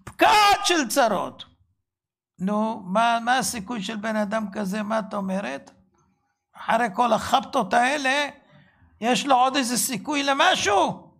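Man, Torah sermon, husky breathy tone, rhetorical questions, shouted bursts. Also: very high-pitched, lively intonation. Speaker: religious teacher.

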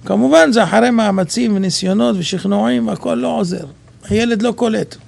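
A man giving an animated sermon, telling stories and acting out dialogue, sometimes rising to shouts. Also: high-pitched, creaky. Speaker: rabbi preacher.

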